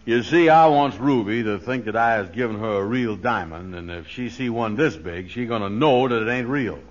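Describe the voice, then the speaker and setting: An actor playing a pompous, dim but good-hearted schemer in a 1940s radio comedy, folksy and self-important. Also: male voice, fairly low pitch, normal speed, natural voice. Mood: self-satisfied. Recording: dull lo-fi 1940s radio recording.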